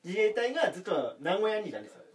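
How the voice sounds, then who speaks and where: Man, 30s, faint Aomori lilt mixed with Nagoya traces; a comedian who rambles and laughs through stories, a little high-pitched, recorded from a distance. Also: big pitch swings, very fast. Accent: faint Aomori intonation mixed with Nagoya traces. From Aomori, Japan. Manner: rambling, laughs often while telling stories. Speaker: comedian co-host. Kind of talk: casual podcast chat.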